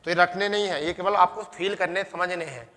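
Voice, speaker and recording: High, bright-voiced male Hindi teacher. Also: brisk, in a large hall. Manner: repeats questions and answers, addresses students as "beta". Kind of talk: exam-prep lesson.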